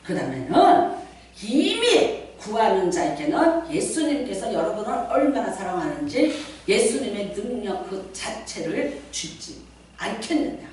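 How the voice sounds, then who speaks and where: A middle-aged woman pastor preaching a lively sermon, often asking the congregation questions. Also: mid-range voice, a little hiss or hum. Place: church sanctuary. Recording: very echoey church hall, mic at a distance.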